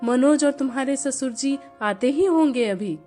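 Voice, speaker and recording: A woman's voice: high voice, normal speed, faint music behind, lightly acted. A woman doing a weary, patient mother-in-law. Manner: weary, gentle.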